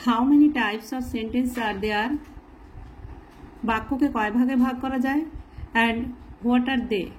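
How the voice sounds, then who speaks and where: A woman with a fairly high voice runs a slow, patient lesson for young children and spells each word out one letter at a time. Her explanations are plain and measured. A faint hiss sits under the recording. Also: low-quality recording. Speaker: teacher. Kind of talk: spelling out words and explaining grammar. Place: at home, writing in a notebook.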